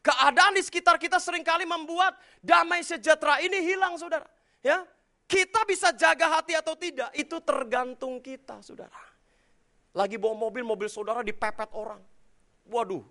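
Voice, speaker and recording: A middle-aged male pastor, preaching with humor and lively storytelling, calling out to the congregation often. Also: fairly high pitch. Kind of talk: sermon.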